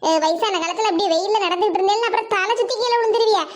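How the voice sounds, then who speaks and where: A woman voices a caring young village woman from a cartoon, with a Kanyakumari Tamil accent and a very high, bright voice. She talks quickly and coaxingly, reassuring the people around her. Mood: concerned. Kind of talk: animated comedy voice acting.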